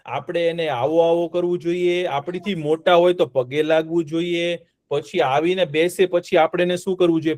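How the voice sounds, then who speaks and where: A man telling a story to children, animated, asking them questions and repeating words. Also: fairly high pitch, no room sound, studio quality.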